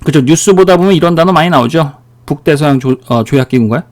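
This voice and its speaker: A man's voice: on the high side, quick pace. A man giving a recorded English pronunciation lecture, drilling words and asking the listener questions as he goes. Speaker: English teacher.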